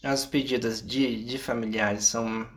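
A man's voice: mid-range voice, steady tone, moderate pace. A man in a casual podcast chat, telling a story about family goodbyes. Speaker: podcast guest.

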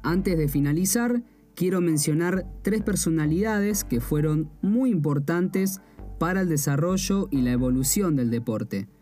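This young Argentine martial arts practitioner has a fairly high voice and an Argentine Spanish accent. His presentation is calm and explanatory; he goes back over points and unpacks terms through "o sea" asides, with quiet guitar music in the background.

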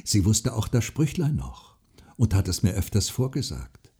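A man voicing a frail old widow who speaks softly, earnestly and secretively. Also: on the low side, sing-song, moderate pace, breathy edge.

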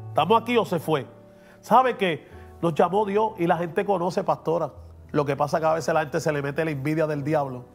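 Pastor for a preaching podcast, high voice, emphatic, faint music underneath. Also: male voice, brisk, creaky. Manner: emphatic and preachy, drops English words in. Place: podcast studio.

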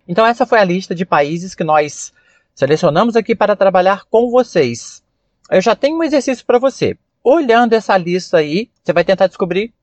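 Man from Brazil, podcast English lesson, slow spelled-out words, fairly high voice, dull dry sound. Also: dry recording. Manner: slow, drawn-out model pronunciations and spelling. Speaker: English teacher.

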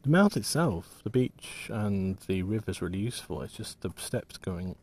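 A low-voiced man, a walking vlogger and artist, chats in a relaxed, rambling monologue. He speaks haltingly and often trails off mid-thought.

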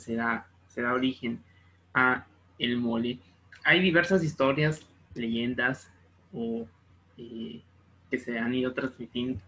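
A man with a Mexican accent talks through a presentation at a mid pitch. He hesitates often, with fillers and self-corrections. A faint hiss sits behind him. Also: fairly bright tone. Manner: hesitant, many fillers and restarts.

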